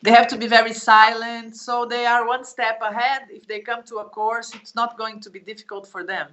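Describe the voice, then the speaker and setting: Higher-voiced Brazilian woman in conversation. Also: level tone, moderate pace, a bit bright, a little hiss or hum. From São Paulo, Brazil. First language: Portuguese. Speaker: interview guest, animal communication teacher. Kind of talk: conversational interview.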